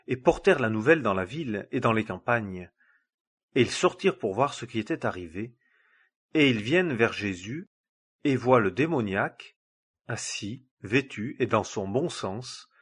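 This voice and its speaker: A man giving a steady, measured, solemn reading of a scripture passage. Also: mid-range voice, husky. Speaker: scripture reader.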